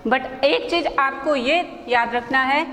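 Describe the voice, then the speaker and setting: A woman with an Indian accent teaching an English spelling lesson at a board, slowly spelling out letters and their sounds one by one. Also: high voice, a bit bright. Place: school classroom. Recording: reverberant room, faint background noise.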